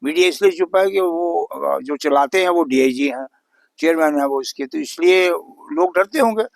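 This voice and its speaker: A man's voice: on the high side, normal speed, gravelly, no room sound. A man of about eighty giving a news interview as a local resident, earnest and indignant, repeating his points for emphasis. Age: 80s.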